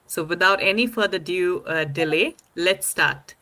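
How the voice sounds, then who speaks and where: Woman, panel host, bright tone, slightly low voice, upbeat, welcoming, video call. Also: unhurried. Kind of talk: live-stream panel hosting.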